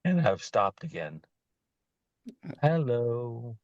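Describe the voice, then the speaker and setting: Male guest, digressive and animated talker, recorded over a dull, dry video call line. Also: mid-range voice, drawn-out words, no room sound. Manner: loose, digressive, animated storytelling. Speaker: guest, bedding product founder. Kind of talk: rambling conversational pitch on a video call.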